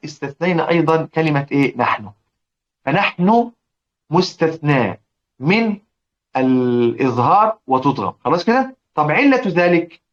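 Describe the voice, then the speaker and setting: A man with an Egyptian accent gives a lesson on recitation rules in a fairly high voice. He keeps asking his listeners whether they follow and demonstrates each word aloud. The recording sounds somewhat dull and lo-fi. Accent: Egyptian Arabic. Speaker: Quran recitation teacher.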